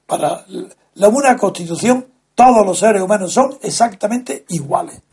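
A man talks through his point as a guest, slow and deliberate, hitting key words with weight. His voice sits fairly high for a man and has a husky, slightly rough edge. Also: lively intonation, darkish tone. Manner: slow, deliberate, lecturing, emphatic stresses. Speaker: guest speaker. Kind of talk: measured explanatory talk.

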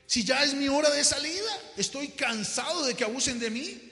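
A preacher voicing a tired, irritable family man who pleads loudly. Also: extremely high pitch, lively intonation, moderate pace. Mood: irritated. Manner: whiny, loud, pleading. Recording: echoey hall with faint music.

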